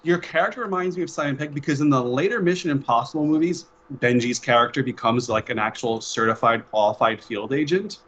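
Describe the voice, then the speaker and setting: A man's voice: medium pitch, fairly quick, few pauses, a bit bright, lo-fi sound, slight background noise. Rambling man running a tabletop game. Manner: loose, rambling, swears, laughs often. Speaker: game master.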